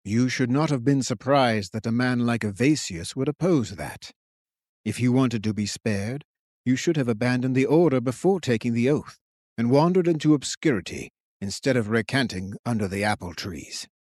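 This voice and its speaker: A man voicing an ancient resurrected king who speaks slowly and gravely in an audiobook. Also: medium pitch, expressive, darkish tone, no room sound, studio quality, natural voice. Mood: stern. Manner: slow, grave, measured. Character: ancient resurrected male king, commanding, solemn. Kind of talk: audiobook character voice.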